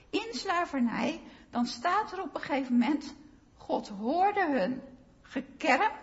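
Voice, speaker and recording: A woman preaching a sermon in a slow, earnest way, pressing on key phrases. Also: high-pitched, muffled recording.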